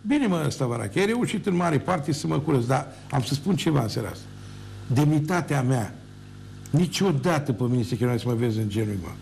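Gravelly ranting man on TV. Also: medium pitch, lively intonation, a little mellow, a little hiss or hum. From Romania. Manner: emphatic, ranting, repeats words for emphasis. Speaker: former mayor on his own TV show. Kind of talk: heated televised monologue.

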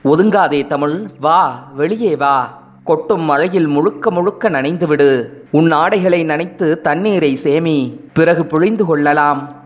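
A man's voice: a little high, takes it slowly. A man reading as a playful young journalist. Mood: coaxing.

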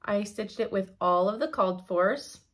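In her home craft room, a young woman chats through a cross-stitch update, thinking aloud and laughing often. Her slightly hoarse voice sits in the mid range at a normal speed, recorded by a camera in front of her at the desk.

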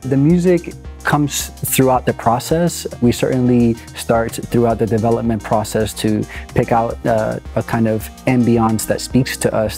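A man in his thirties from Puerto Rico, raised in New York, speaking thoughtfully as a choreographer in an interview, with many pauses and restarts. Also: lowish voice, mellow. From Puerto Rico, raised in New York City. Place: large dance studio.

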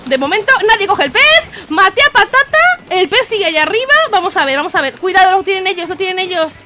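Young woman, Spain Spanish accent, very high lively voice, gaming commentary, excitable, laughs a lot. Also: quick pace, heavy background noise. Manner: excitable, laughs often, shouts warnings. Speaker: gaming YouTuber. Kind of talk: live gameplay commentary.

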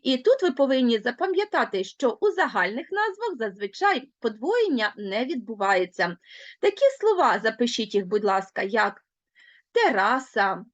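A woman teaching a grammar lesson to children speaks with a higher voice that moves a lot in pitch. She talks in a clear, deliberate, teacherly way and stretches words out slowly for the class. The recording is dry and a little dull. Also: no room sound. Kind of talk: online Ukrainian grammar lesson.

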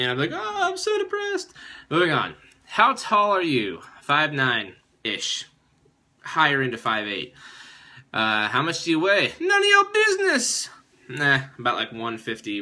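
A man's voice: mid-range voice, bright, forceful tone. A young man casually vlogging, answering personal questions in a goofy, chatty, self-mocking way. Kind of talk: casual vlog Q&A.

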